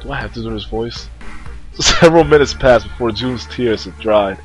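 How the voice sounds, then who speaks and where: A man's voice: medium pitch, moderate pace, soft background music, rough recording. A young man playing through a video game, reading its text aloud with crude joking asides. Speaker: let's player.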